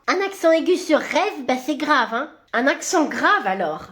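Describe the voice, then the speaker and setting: Very high-voiced woman, cheeky. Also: big pitch swings, normal speed, a bit bright. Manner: cheeky, retorting. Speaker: comedy sketch performer. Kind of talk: comedy sketch acting.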